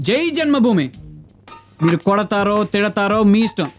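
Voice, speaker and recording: An actor playing a bold young newspaper reporter who talks back and stays cheeky. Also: male voice, sits high, expressive, soft background music. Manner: quick, cheeky, defiant.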